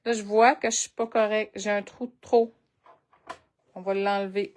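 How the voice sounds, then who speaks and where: A crafting instructor with a Québécois French accent leads a live tutorial, chatting and thinking aloud while she works. Her mid-range voice is a little mellow, moves little in pitch and holds a normal speed, with slight background noise behind it.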